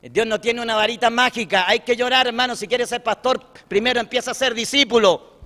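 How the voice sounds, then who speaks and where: A middle-aged Chilean man preaching a sermon to fellow pastors, folksy and impassioned, building to loud declarations and often calling his listeners brother. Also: very high voice, steady tone, brisk, long reverb tail. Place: church hall at a pastors' breakfast.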